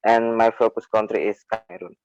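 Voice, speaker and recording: A young student introducing himself, flat and slightly stumbling. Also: male voice, on the low side, a little fast, creaky, smooth, no room sound. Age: young adult. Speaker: student panelist. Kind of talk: brief self-introduction. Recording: dull dry lo-fi call audio.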